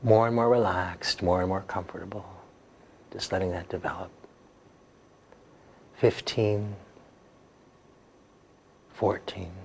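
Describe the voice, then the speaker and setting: A man working as a hypnosis instructor, guiding an induction in a slow, soothing, repetitive hypnotist voice. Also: sits low, fairly even intonation, a little mellow. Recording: clear background noise.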